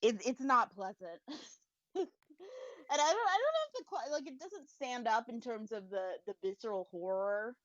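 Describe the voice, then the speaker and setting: A woman talks with a lively, swooping pitch and eager asides. Her voice comes through dull, lo-fi call audio with a dry sound. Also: moderate pace, dry recording. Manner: animated, eager, full of asides. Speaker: cast member on the call. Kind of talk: casual chat. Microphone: video call microphone.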